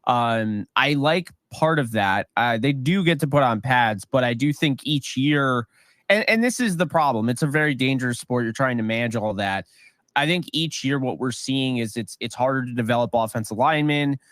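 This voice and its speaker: A man co-hosting a sports podcast, giving rambling, animated opinions with lots of fillers. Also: medium pitch, normal speed, no room sound, clean studio sound. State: voice getting worn. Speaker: podcast co-host. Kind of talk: casual sports talk.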